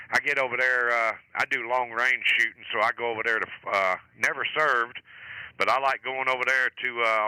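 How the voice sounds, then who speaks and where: Bright, crisp-voiced man hosting a radio net. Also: lowish voice, no room sound, poor audio. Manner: informal, chummy, with radio sign-offs. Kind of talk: casual amateur radio net chat.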